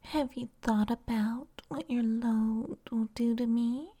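A woman voicing a seductive female vine creature in a whispered audio roleplay, speaking in a soft, breathy, coaxing way. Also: fairly high pitch, steady tone, slow pace, heavily acted.

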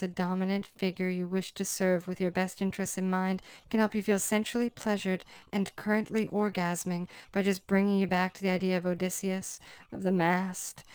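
A woman speaking as a hypnotist in a slow recording, using commanding, repetitive phrasing. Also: lowish voice, darkish tone, clean tone, dry recording.

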